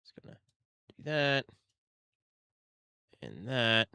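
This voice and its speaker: Gravelly guy streaming. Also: mid-range voice, big pitch swings, slow pace, sharp tone, no room sound, clean studio sound. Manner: chatty, jokey, talks while working on the computer. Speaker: streamer editing rail audio. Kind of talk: casual livestream commentary.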